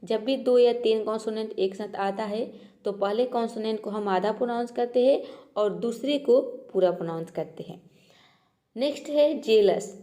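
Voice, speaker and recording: Woman teacher, slightly high voice, mellow tone, patient step-by-step explaining. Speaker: English teacher. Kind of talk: spoken pronunciation lesson.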